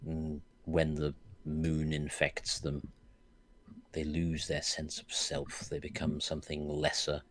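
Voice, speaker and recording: A man's voice: extremely low pitch, monotone, slow pace, fairly bright tone, heavily acted. A man voicing a grim, rueful wanderer who knows the curse of the moon.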